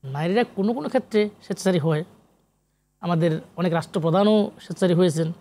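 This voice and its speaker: In an energetic televised interview, a Bangladeshi man speaks quickly in a high, mellow voice. The guest, a professor and literary researcher, explains emphatically in lecture style, mixing in English academic jargon.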